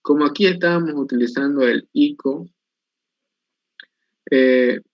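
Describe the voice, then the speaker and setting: A man's voice: on the high side, a little slow, dry recording. A man teaching a chemistry class online, explaining step by step and asking and answering his own questions. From Bolivia. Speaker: chemistry instructor. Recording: dull, dry lo-fi recording.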